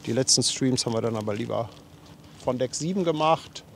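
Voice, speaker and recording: Outside on a harbour riverbank, a man with a cold and a slightly runny nose hosts a livestream, reading viewer messages and chatting in a self-mocking way. He talks briskly in a medium-pitched, creaky voice, and the audio carries a little hiss or hum.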